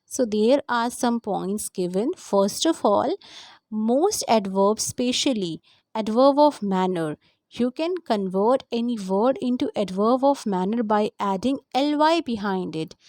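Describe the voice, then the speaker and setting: A woman's voice: a little high, animated, darkish tone, no echo, clean studio sound. A woman explaining a grammar lesson, going step by step and repeating her points. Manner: lists examples slowly one by one. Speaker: English teacher.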